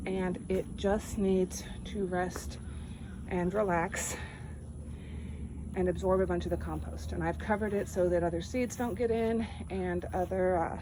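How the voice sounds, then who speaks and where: A woman's voice: lowish voice, fairly even intonation, a little slow. Woman from east texas showing off her garden outside, plain chatty talk, camera mic, faint outdoor hum behind. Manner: plain-spoken, explains step by step. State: out of breath. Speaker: home gardener. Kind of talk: casual walk-through narration.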